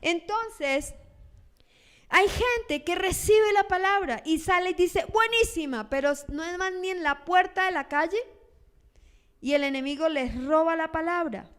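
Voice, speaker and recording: A woman pastor, preaching a sermon in an animated way. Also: very high-pitched, unhurried. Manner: animated, acts out churchgoers' lines in quoted voices.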